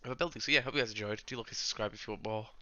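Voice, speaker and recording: Croaky man, gameplay chatter. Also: on the low side, very fast, bright, forceful tone, no room sound, lo-fi sound. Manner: chatty, rambling, talks to viewers and to game characters. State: hoarse from illness. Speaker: gaming channel host. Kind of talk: casual gameplay commentary.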